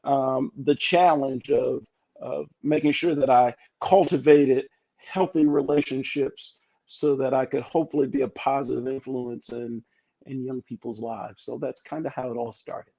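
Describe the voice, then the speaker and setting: A man's voice: mid-range voice, fairly even intonation, measured pace, vocal fry, warm tone, dull audio. A man in his fifties, an educator and assistant pastor, telling stories in a casual interview with many restarts and fillers.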